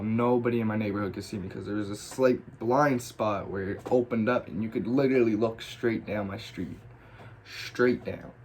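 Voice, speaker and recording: A man tells a story from his past in a loose, meandering way, cursing freely and tripping over his own restarts. His voice sits at an ordinary middle pitch. A faint background hiss runs under the talk. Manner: profane, rambling, animated retelling. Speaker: graffiti storyteller. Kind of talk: casual storytelling.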